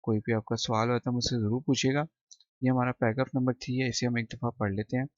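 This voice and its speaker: A male English teacher, explaining a textbook passage word by word and reading the English lines slowly and deliberately. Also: mid-range voice, flat delivery, dry recording. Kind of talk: screen-recorded textbook lesson. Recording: dull, dry close recording.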